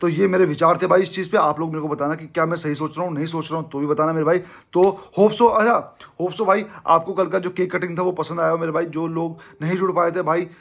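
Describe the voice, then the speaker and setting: Give me a young Indian man with a slightly high, breathy voice hosting a fan channel, talking emphatically and casually. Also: fairly even intonation, fast, few pauses, a bit bright. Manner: emphatic, keeps calling listeners brother. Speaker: football fan channel host. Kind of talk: casual opinion monologue to viewers.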